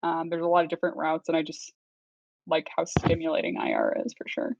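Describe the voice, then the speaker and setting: A woman speaking in a flat, monotone way as a panelist in a casual panel discussion over a call. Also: low-pitched, a little fast, creaky, no echo, highs cut off. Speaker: incident response panelist.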